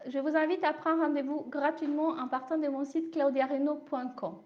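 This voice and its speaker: A woman's voice: high-pitched, fairly even intonation, normal speed, dull audio. A woman speaking French with a slight accent, giving a live coaching talk and answering viewers by name in a reassuring way. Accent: non-native French accent. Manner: reassuring, repeats "d'accord?", addresses viewers by name. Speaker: life coach and shamanism speaker.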